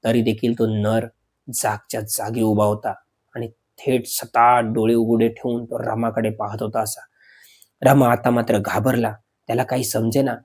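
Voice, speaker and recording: A man narrating a spoken horror story, dramatic, calling his listeners friends, with pauses and fillers as he slows for suspense. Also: medium pitch, level tone, a little mellow, husky.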